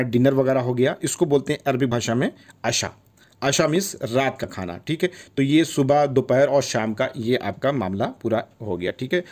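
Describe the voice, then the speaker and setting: A man's voice: mid-range voice, a little mellow. Man teaching words, repeating each one. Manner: repeats each word, checks in with "theek hai". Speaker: language teacher. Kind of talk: casual video lesson.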